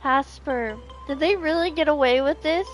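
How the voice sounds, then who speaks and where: High-voiced woman streamer. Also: normal speed, soft background music. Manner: chatty, reacts and reads chat aloud. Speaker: game streamer. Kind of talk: casual let's-play commentary.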